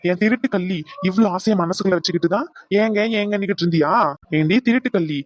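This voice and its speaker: A woman's voice: medium pitch, quick pace, dry recording, clean studio sound, close to an everyday voice. A woman voicing a playful, affectionate young husband in a cartoon, teasing his pregnant wife with fond scolding. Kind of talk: cartoon voice acting.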